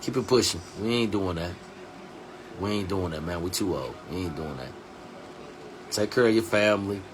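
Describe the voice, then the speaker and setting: A man in his forties hosting a live stream, talking bluntly in street slang and dropping his voice low and quiet to hammer a point home. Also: normal speed, noisy background. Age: 40s. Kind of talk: casual live stream talk.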